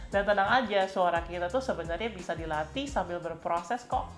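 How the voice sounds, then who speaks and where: Relaxed woman co-host, lowish pitch, conversational and unhurried. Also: soft background music. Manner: easygoing, chatty, with fillers. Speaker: podcast co-host. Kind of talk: casual conversational chat.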